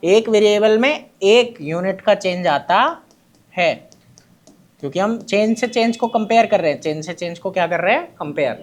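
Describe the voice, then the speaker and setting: A man's voice: sits high, moderate pace. A male teacher giving a classroom lecture, who keeps asking his students short questions, answers them himself, and calls them his children. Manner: addresses students fondly as children.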